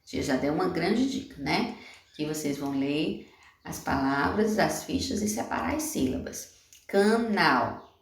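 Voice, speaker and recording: A woman's voice: low voice, vocal fry. A woman teacher patiently explaining a homework lesson to young children, asking them questions as she goes. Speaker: primary school teacher. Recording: echoey room, voice from a distance.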